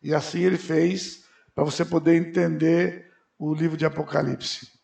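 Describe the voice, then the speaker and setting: A pastor teaches at a church conference with a raised, gravelly voice. He questions his listeners, answers himself and surges into loud emphatic peaks. His voice rings around a roomy auditorium. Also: a little high, flat delivery, normal speed. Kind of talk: expository Bible teaching at a conference.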